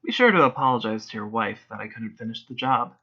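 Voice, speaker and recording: A man voicing a cruel, mocking female demon in a quiet, taunting tone. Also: medium pitch, expressive, fast talker, dull audio.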